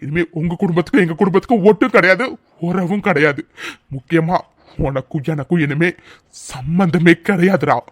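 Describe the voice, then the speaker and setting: A man's voice: a little high, a little fast, natural voice. A man voicing an indignant, hot-tempered young man in a cartoon. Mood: angry. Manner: indignant, shouting.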